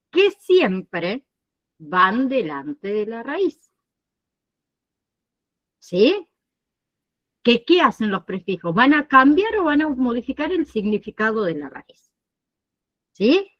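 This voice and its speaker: Female nursing instructor, online lecture, higher voice, muffled lo-fi audio. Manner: explains slowly, checks understanding with frequent "¿sí?" and "¿bien?".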